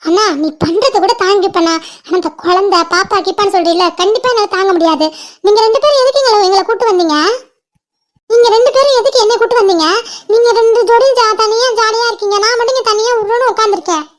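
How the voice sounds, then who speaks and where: A lonely, sulking young woman in a cartoon, as a woman voices her. Her very high voice whines and grumbles at her friends and their sweethearts. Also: fast talker. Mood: grumbling. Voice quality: whiny and grumbling. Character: sulky lonely young woman missing her faraway lover. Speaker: friend on an outing. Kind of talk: animated cartoon voice acting.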